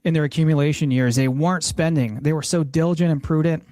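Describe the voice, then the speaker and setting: A man's voice: fairly high pitch, steady tone, quick pace, mellow, no echo. A man hosting a finance podcast, explaining retirement planning in a casual, earnest way and often restating a point to reframe it. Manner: earnest, explanatory, repeats phrases when reframing. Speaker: financial planner, show host.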